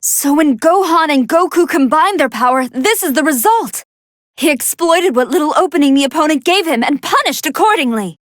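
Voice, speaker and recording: A woman voicing a gentle, earnest young female android scientist who gives polite, precise fight commentary in a video game. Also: sits high, moderate pace, no echo, studio quality. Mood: curious, earnest. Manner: polite, precise, analytical, expressive. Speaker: match commentator.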